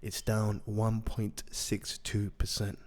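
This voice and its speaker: A man with a raspy voice hosting a market update, repeating and rephrasing his points for emphasis. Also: on the low side, completely flat delivery, slow pace, darkish tone. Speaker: host of a daily crypto news show.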